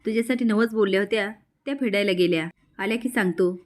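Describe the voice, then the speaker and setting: A woman voicing a caring middle-aged man who gently fusses over a young woman, in a drama recap. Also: mid-range voice, fast, natural voice. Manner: gentle, fussing.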